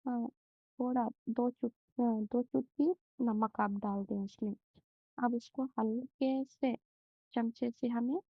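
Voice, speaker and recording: A young woman hosting a home cooking channel walks through a recipe step by step, speaking slowly and gently with frequent hesitations. Her fairly high voice is flat with a gravelly fry. The dry, muffled, echo-free sound suggests a home kitchen.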